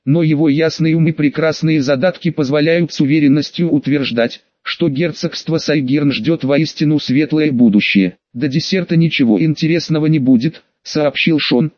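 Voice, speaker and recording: A man narrates an audiobook in a steady, measured way, his voice sitting a little high for a man. The recording is dry and close, with a slightly dull top end. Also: no room sound. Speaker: audiobook reader.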